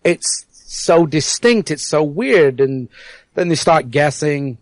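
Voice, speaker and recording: A man with an English accent that is hard to place, with some American mixed in, gives an earnest interview on internet radio. His voice sits fairly high, and the sound is close and dry. He stumbles over words and repeats them as he builds his point. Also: animated, slow pace, dry recording. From England (South Yorkshire). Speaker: guest.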